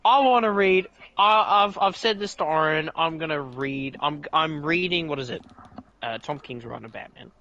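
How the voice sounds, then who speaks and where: A man's voice: moderate pace, dull audio, slight background noise. A man hosting a podcast, telling a rambling story in casual chat, swearing a lot and restarting his sentences. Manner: excitable, profane storytelling with restarts; leaps to much higher pitch when outraged. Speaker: podcast host.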